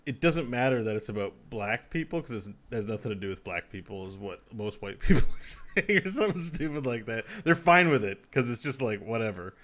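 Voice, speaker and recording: Podcast co-host, man, rambling and animated, calling in remotely, laughs a lot. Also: mid-range voice, a little fast, few pauses. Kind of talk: casual podcast chat. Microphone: remote call.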